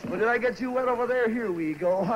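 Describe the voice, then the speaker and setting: A man does hammy, chuckling stand-up banter in a very high voice. He is recorded from a distance in a live club. A loud crowd and heavy noise fill the background. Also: brisk, muffled recording. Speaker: stand-up comedian. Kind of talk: stand-up comedy.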